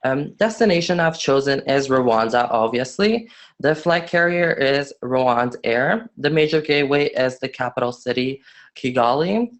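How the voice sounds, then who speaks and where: 19 yr old guy from afghanistan doing a student webinar talk, lots of ums and restarts, middle pitch. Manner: halting, many fillers and restarts. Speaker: student presenter. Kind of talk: webinar presentation.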